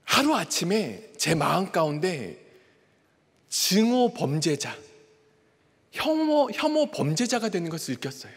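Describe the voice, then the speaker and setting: A man delivers a sermon, talking through a personal story and acting out what each person said. His voice is husky and high, and it swings widely in pitch. The sound rings with the long reverb of a large church hall. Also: sing-song, measured pace, long pauses. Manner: personal storytelling, acts out quoted dialogue. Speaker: pastor.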